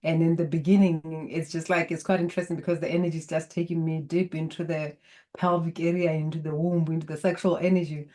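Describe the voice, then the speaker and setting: Calm and measured, a Botswana-accented woman whose first language is Setswana talks in an interview as a guest healer. Her low, warm voice carries a spiritual, guiding tone.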